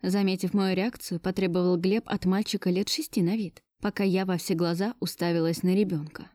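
Warm-voiced woman narrating a romance. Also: fairly low pitch, steady tone, fairly quick, no room sound, clean studio sound. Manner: dramatic, emotional storytelling. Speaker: audiobook narrator. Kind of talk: first-person romance narration.

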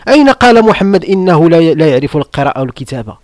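A man with a Moroccan accent argues in an online room, firing off rhetorical questions and mocking replies. His voice sits a little high. The sound is dry and close, with no room echo. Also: very animated, rapid-fire, a little mellow. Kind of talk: argumentative live-room monologue.

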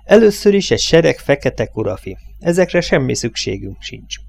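A man's voice: mid-range voice, sing-song, darkish tone, no room sound. A man voicing a blunt, scornful oil company boss who is Irish in the story, read as an audiobook character voice. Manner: blunt, sneering, rough-spoken.

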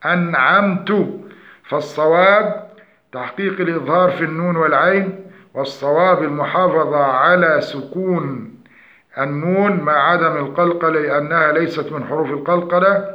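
A man teaching Quran recitation, explaining pronunciation errors and demonstrating the correct forms. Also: a little high. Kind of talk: tajweed lesson. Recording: echoey dull lo-fi room.

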